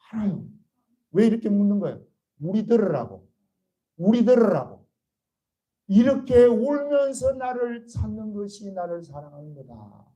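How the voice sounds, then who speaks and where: A man preaching to his congregation in a high, mellow voice. He is earnest and urging, firing rhetorical questions at the listeners and answering them himself. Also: rough recording. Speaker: pastor. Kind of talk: Easter sermon to a congregation.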